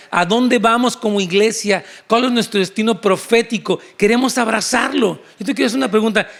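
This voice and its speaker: A male pastor with a fairly high voice preaches in a church service. He is lively and conversational, breaking into little acted-out dialogues and speaking straight to his listeners. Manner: animated, acts out quoted voices in shifting tones; addresses congregation directly and often. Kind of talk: sermon.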